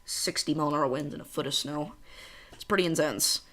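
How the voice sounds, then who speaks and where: Hosting a laid-back weather livestream from home, this young central Illinois man reads chat messages out loud. He speaks quickly and with excitement in a bright, forward voice pitched a little high, wandering into tangents.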